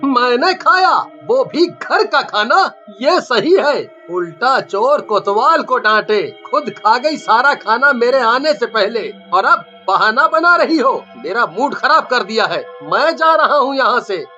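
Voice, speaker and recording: A woman's voice: a little high, very animated, unhurried, few pauses, bright, forceful tone, lo-fi sound, soft background music, pitched above the performer's own voice, exaggerated voice. A woman voicing a greedy, grumpy village husband in a cartoon story who stammers when scared. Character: hungry grumpy village husband, timid around the witch.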